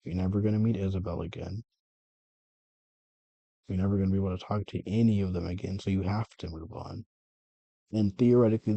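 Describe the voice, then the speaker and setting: A man with a low, very dark and husky voice rambles through a personal monologue, circling back and correcting himself as he goes. The sound is dry and close, with no room around it. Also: no echo, lo-fi sound. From United States. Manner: meandering, self-correcting, frequent swearing. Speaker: vlogger.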